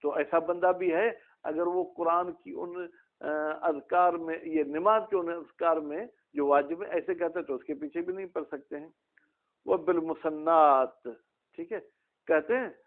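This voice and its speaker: A man's voice: fairly high pitch, expressive, a little slow, vocal fry. A male religious teacher giving a classroom lesson, asking his students questions by name. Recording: tinny phone-like sound.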